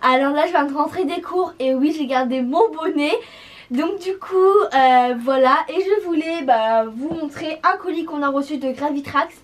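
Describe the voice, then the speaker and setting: A teenage girl co-hosts a family unboxing video, gushing over toys in casual slang. Her voice sits high, and she jokes about her clumsy English. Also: moderate pace. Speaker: vlog co-host, daughter.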